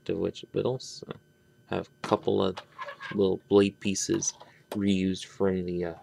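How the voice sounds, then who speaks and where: In an unscripted, hands-on toy review at a tabletop indoors, a man talks in a low voice thick with vocal fry. He speaks haltingly and rambles, often letting phrases trail off unfinished. His delivery is completely flat, his tone darkish, and there's a slight hiss or hum.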